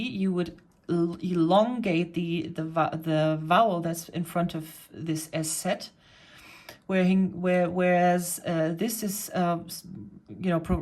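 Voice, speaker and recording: A woman's voice: fairly low pitch, darkish tone. A woman vlogger patiently explaining and pointing things out in a casual show-and-tell about her cross-stitch hobby.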